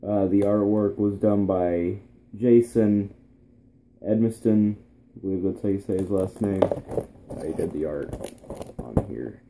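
A teenage man chatting casually through an unboxing vlog in his bedroom, relaxed and rambling with plenty of ums. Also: on the low side, slow, pauses often, noisy background. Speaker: vlogger. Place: small bedroom, indoors.

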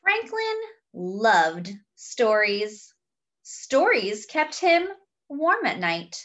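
Reading a picture book to young children, an animated storyteller uses a high voice and a stretched-out, exaggerated delivery. She keeps things expressive and chatty with asides along the way.

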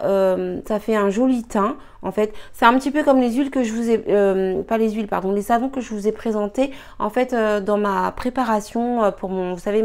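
A woman's voice: mid-range voice, darkish tone. A young woman at her home kitchen, talking casually through a recipe, hesitant and full of fillers, apologizing often and a little tired. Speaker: cooking and beauty vlogger.

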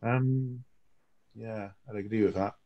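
A man on an online panel talking casually, halting and repeating words as he restarts. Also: lowish voice, steady tone, lo-fi sound. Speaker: panel speaker on game mastering.

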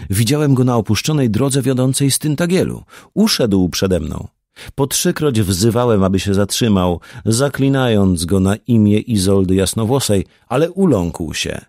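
A man with a fairly low, darkish voice performs a loyal, insistent knight, his intonation lively and his pace moderate. The recording is clean studio sound with no room ambience.

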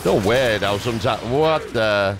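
With game music playing behind him, a man on a gaming YouTube channel comments playfully and casually on his gameplay, throwing in exclamations and softened swears. His lowish voice has lively intonation and an unhurried pace.

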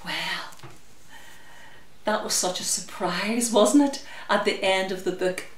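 A middle-aged woman with a mid-range voice hosts story time for small children, speaking very slowly and expressively in a sing-song way that stretches her words. She's recorded in a glass-walled conservatory at home on a camera mic a little way off, so the sound is roomy, slightly distant, and faintly noisy.

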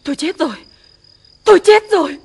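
An actress playing the desperate wife of a gambler who laments loudly over her husband and son, in an old film. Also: high-pitched, moderate pace, lightly acted. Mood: wailing. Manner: wailing, lamenting. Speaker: wife and mother.

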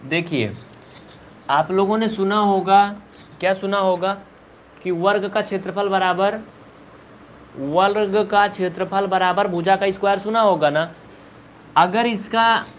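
A man's voice: sits high, slow, long pauses, a little hiss or hum. A man teaching a live online maths class, repeating questions and scolding his students. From India.

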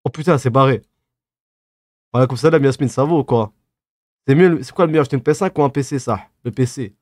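Speaking a little fast in a mid-range voice with a darkish tone, a live streamer in his twenties reads and answers comments with teasing, slangy chatter, lisping on his s sounds. The studio-quality recording has no room sound, and he's at a desk in a small, dim room.

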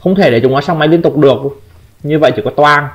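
Excitable man trash-talking through game commentary. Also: on the high side, quick pace, dull audio. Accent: Vietnamese. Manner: trash-talking, taunting, sudden excited shouts. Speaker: gameplay streamer.

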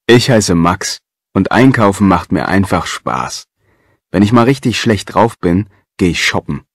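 A man's voice: sits low, expressive, measured pace, no room sound, studio quality. A man playing a carefree, spontaneous shopper in a chatty scripted monologue. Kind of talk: scripted first-person monologue.

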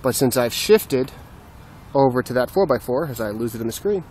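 A man's voice: mid-range voice, animated, normal speed, darkish tone, slight background noise. A man casually explaining his building work step by step, with a self-deprecating streak. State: slightly out of breath. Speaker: DIY builder. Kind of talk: casual how-to narration.

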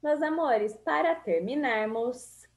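Woman teacher, brazilian accent, very slow, stretched-out words, slightly high voice, sing-song for small kids. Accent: Brazilian Portuguese. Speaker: primary school teacher. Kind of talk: slow, syllable-by-syllable reading lesson.

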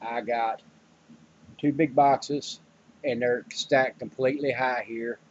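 An older man rambles in a folksy way about groceries and canning for a casual home vlog, full of fillers. His mid-range voice stays steady and slow, with a little hiss or hum. It was captured on a webcam or handheld camera in a small room at home, giving dull lo-fi audio.

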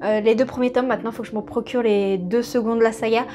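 A woman's voice: on the high side, fairly even intonation, fast, dark tone, faint music behind. A woman in her thirties casually presenting her new manga at home, chatty and full of hesitations. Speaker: book vlogger. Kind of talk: casual manga haul vlog. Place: home room in front of a bookshelf. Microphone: camera in front at mid-shot.

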